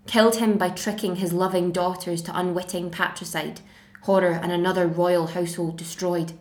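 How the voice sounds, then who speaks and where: Brief: a 21-year-old Glaswegian woman doing a raging, scornful queen, low-pitched, sarcastic monologue delivery. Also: flat delivery, moderate pace, darkish tone, roomy sound, lightly acted. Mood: bitter, scornful. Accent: Glasgow Scottish. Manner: sarcastic, raised and accusing. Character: bitter betrayed sorceress queen, scornful and raging. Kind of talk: dramatic monologue reading.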